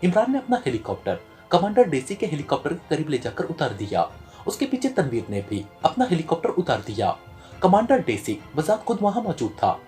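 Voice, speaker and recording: A man narrating a spy novel as an audiobook, in an expressive reading voice. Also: on the high side, a little fast, soft background music.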